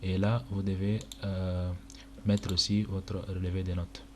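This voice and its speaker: In a noisy home recording, a young male tutor from Chad walks through a task on screen from an indoor room at his computer. Arabic is his first language, and he speaks in a deep, flat, halting and casual way, with lots of fillers.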